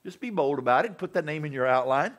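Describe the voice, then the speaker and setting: A man's voice: fairly high pitch, fast. An older man preaching a sermon as pastor, telling stories and acting out the people in them. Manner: animated storytelling, acting out other voices.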